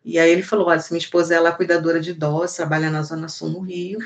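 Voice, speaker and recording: A woman with a Brazilian accent, a mother telling a personal testimony in an animated way and acting out the dialogue she quotes. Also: fairly low pitch, racing.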